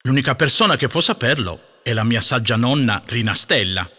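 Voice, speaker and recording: A man's voice: mid-range voice, animated, fairly quick, bright, forceful tone, big-room sound. An earnest, troubled young king. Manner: earnest, determined.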